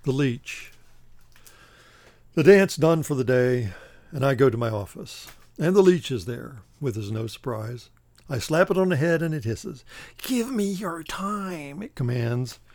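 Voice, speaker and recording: A man's voice: medium pitch, lively intonation, a little slow, darkish tone, dry recording. A man performing a one-man stage play, telling it in a wry, theatrical first-person monologue.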